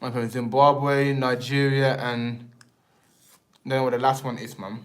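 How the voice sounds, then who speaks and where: An unhurried young Englishman with a mid-range voice and little pitch movement hosts a relaxed live stream. His talk wanders in slang, peppered with "man" and "and that."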